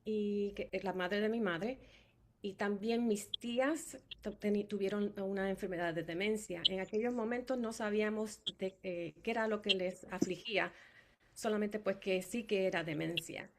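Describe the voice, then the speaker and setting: A woman's voice: medium pitch, moderate pace, a little hiss or hum. A middle-aged woman from Puerto Rico with a Puerto Rican Spanish accent, giving a personal caregiver testimony with many fillers and restarts. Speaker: family caregiver speaker.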